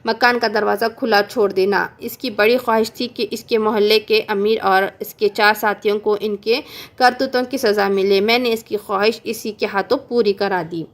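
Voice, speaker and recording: A woman's voice: mid-range voice, steady tone, moderate pace, lightly acted. A woman reading the part of a caliph giving orders, in a plain read-aloud voice. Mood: commanding. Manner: read aloud with little acting.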